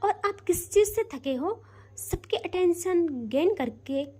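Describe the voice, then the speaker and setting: A woman's voice: very high-pitched, animated, slow pace, darkish tone, heavily acted. A woman voicing a sulking young woman who answers her wife curtly. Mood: sulky. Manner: curt, huffy.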